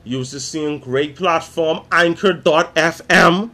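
A man's voice: fairly high pitch, slow pace, bright, forceful tone. A man in his twenties with a Bahamian accent, hosting his own podcast, talking about faith and reciting spoken word poetry with dramatic intensity. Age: 20s. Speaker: podcast host.

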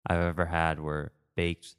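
A man's voice: sits low, monotone, a little slow, clean tone. A man co-hosting a podcast, chatting casually with dry humor. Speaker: podcast co-host. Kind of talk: casual chat.

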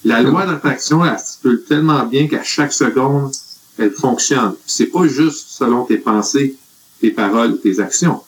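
A man's voice: mid-range voice, normal speed, poor audio. A man with a Quebec French accent, earnestly giving rambling life advice in a casual group chat. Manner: earnest, rambling with many fillers.

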